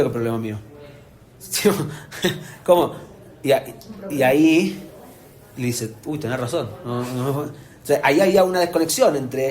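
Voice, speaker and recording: Un hombre con acento que da una clase en vivo a padres como rabino, explicando con ánimo y preguntando a menudo si se entiende. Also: male voice, mid-range voice. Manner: animated, explanatory, asks "¿se entiende?" often. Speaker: rabbi teaching parents. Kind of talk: live lecture to an audience. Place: community hall with an audience.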